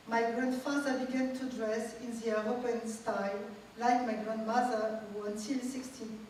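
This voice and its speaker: A woman, reading a personal memoir aloud as a guest speaker in a measured, reflective way. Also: fairly high pitch, a little mellow, slight background noise. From Tunisia. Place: large event hall. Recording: echoey hall, distant mic.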